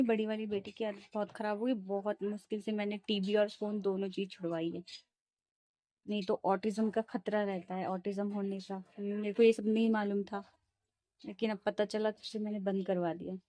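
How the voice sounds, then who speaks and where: A woman's voice: medium pitch, little pitch movement, brisk, dark tone. A young woman, a mother, talking casually to her viewers at home about her baby's nights, now and then cooing to the child. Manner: soothing sing-song coaxing to her baby. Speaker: mother vlogging her day. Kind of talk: casual home vlog talk.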